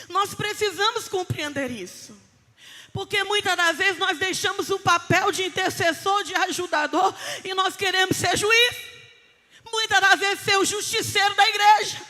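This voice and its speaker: A woman preaches a fervent Pentecostal sermon, dropping to near whispers and then rising to shouts. Her voice is very high and bright. A long reverb fills the church hall, and faint music plays beneath her. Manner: fervent, swells between hushed and shouting.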